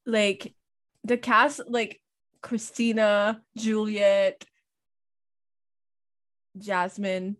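Chatty French Canadian woman, high voice. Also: a little slow. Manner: animated, swears casually, lots of "like". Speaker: podcast co-host. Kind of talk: casual chat.

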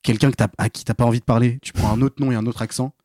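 A man's voice: mid-range voice, fairly even intonation, racing, warm tone, no room sound, clean studio sound. A man in his twenties, a podcast guest, telling stories casually with lots of hesitations and restarts. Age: 20s. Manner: hesitant, full of fillers and restarts. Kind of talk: casual interview storytelling.

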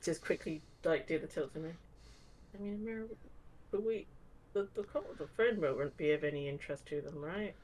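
A man chatting and improvising as a player in a tabletop game, halting and repeating phrases. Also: on the high side, a little mellow, a little hiss or hum, poor audio. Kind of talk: casual in-character improvised game chat.

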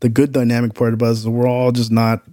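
Male podcast co-host, soft-edged mellow tone, medium pitch, reflective casual chat with slang. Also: level tone, quick pace, dry recording, studio quality.

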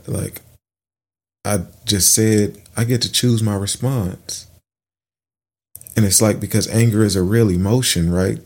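Middle-aged male podcast host, very low voice, earnest and reflective, halting delivery. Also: a little mellow. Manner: earnest, thoughtful, halting with fillers and restarts. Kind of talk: reflective personal monologue.

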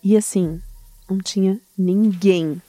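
A woman telling a story in a casual chat, animated and often laughing. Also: medium pitch, takes it slowly, soft background music. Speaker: storyteller guest.

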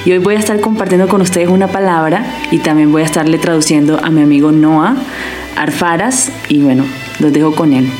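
Lower-voiced Caribbean Colombian woman interpreting. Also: steady tone, a little fast. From Barranquilla, Colombia. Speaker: missionary guest and interpreter. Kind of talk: consecutive interpreting and scripture reading. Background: faint music.

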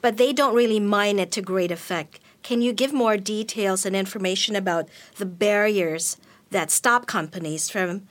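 A woman moderating a panel discussion, asking measured, clear questions. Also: medium pitch.

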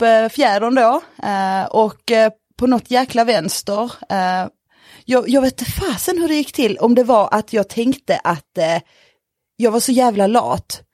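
Animated chatty woman telling a story. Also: mid-range voice, no echo, clean studio sound. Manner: animated, full of fillers, swears freely. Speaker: podcast guest telling a story. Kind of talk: casual storytelling chat.

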